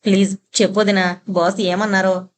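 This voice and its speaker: A woman's voice: mid-range voice, level tone, moderate pace, close to an everyday voice. A woman voicing a cheerful, jokey young man who jokes and pleads. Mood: pleading. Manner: joking, pleading.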